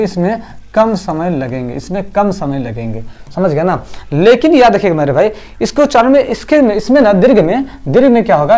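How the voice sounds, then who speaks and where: A man's voice: high voice, a little mellow. A man teaching a grammar class. He repeats each point, asks his students questions and answers them himself, and sometimes chants vowel sounds aloud. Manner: repetitive drilling, rhetorical questions to students. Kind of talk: online class lecture.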